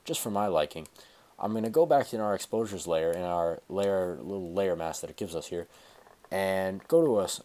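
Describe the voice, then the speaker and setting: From a small room indoors at home, a teenage guy with a cold narrates a screen-recorded tutorial over a headset. His voice is low with a darkish tone, and he rambles casually, filling gaps and correcting himself.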